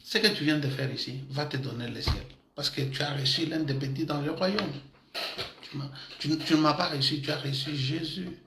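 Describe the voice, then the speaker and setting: A man preaching an animated sermon as a pastor, lively and often laughing, mixing in African words. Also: a little high, roomy sound, noisy background. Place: church in Madrid.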